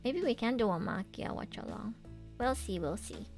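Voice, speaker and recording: A young woman livestreamer talks in a chatty, bubbly way full of anime-fan slang, at an average pitch for a woman. She is recovering from oral surgery and has stitches in her mouth. Music plays behind her voice. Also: animated, normal speed, gravelly, darkish tone. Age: young adult. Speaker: livestreamer and voice actor. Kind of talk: casual livestream chat with viewers.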